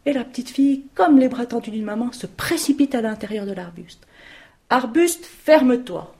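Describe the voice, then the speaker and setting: Brief: female oral storyteller, expressive fairy-tale telling, gravelly voice, questions to the listeners. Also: fairly high pitch, brisk.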